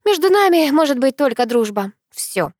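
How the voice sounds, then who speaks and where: A woman's voice: high-pitched, very animated, normal speed, no echo, studio quality, voice pushed up. Woman doing a brash teenage sister. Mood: brash teasing. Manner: loud, mocking, slangy.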